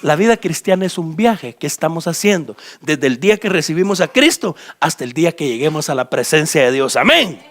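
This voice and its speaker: This Guatemalan pastor's voice sits a little high, and he moves fairly quickly with few pauses. Preaching in Guatemalan Spanish, he stays animated, addressing the audience head-on while gesturing to a map.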